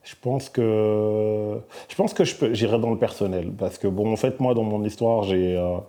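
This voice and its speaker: A middle-aged man from Belgium speaks in a low, very dark and mellow voice. He answers questions softly and hesitantly, with frequent fillers and restarts. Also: steady tone, normal speed. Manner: soft-spoken, hesitant with many fillers. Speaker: musician guest. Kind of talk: casual interview answers.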